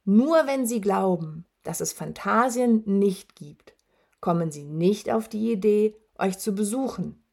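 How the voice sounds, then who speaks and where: A woman's voice: medium pitch, animated, measured pace, a little mellow, full character voice. A woman voicing a huge, dying male werewolf who taunts with a rattling, wheezing voice. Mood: gloating menace. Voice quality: rattling, rasping voice. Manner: taunting, gloating. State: wheezing, labored breath.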